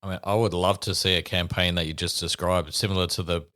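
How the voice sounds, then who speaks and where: A man's voice: low voice, little pitch movement, quick pace, pushed and bright, no echo, clean studio sound. A man hosting a podcast, chipping in with short agreeing remarks. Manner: brief, agreeable interjections. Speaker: podcast host. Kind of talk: casual podcast conversation.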